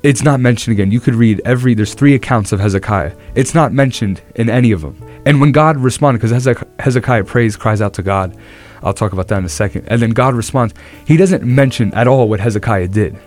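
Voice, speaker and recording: A young man co-hosting a podcast, retelling a Bible story in an earnest, animated way with many restarts. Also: medium pitch, fairly quick, faint music behind. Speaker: podcast co-host. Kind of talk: casual Bible discussion.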